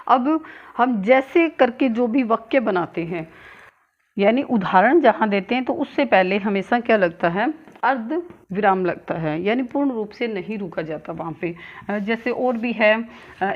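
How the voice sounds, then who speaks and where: A woman teacher giving a grammar lesson, speaking slowly and repeating key words with frequent filler sounds. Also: medium pitch, expressive. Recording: dull lo-fi sound with faint noise.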